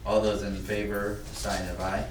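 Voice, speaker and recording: Man, low pitch, brisk businesslike meeting chair, distant mic, noisy room. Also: monotone. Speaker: board chair. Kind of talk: formal meeting procedure mixed with casual discussion. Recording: echoey room, distant mic, clear background noise.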